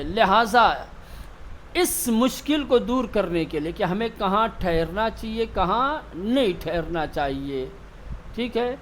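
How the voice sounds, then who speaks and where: High-voiced male tajweed teacher in class. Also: a little hiss or hum. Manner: asks students questions and answers them himself; repeats key terms slowly. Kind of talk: classroom lecture.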